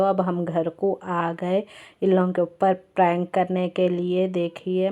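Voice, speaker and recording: A woman's voice: on the low side, narrow, tinny audio. A woman, a mother narrating a family vlog in a rambling, repetitive way. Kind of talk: casual vlog voice-over.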